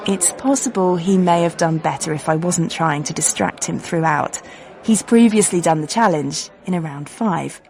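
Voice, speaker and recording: Female feature-radio host, low-ish voice, wry scripted narration. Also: normal speed, darkish tone. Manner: wry, lightly playful script reading.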